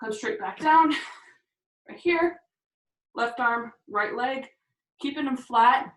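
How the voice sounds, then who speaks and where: A woman leads a workout demonstration, talking each move through as she does it and a little out of breath. Her voice sits somewhat high. She is recorded from a distance in an echoey room. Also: slow. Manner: talks through each move while doing it, counting reps. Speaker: fitness instructor. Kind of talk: exercise demonstration. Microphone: camera mic from a distance. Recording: echoey room, voice far from the mic.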